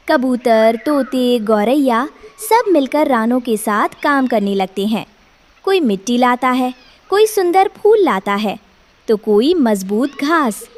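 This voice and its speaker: Slow high-voiced woman storyteller. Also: slight background noise. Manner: gentle, didactic. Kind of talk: scripted moral-story narration for children.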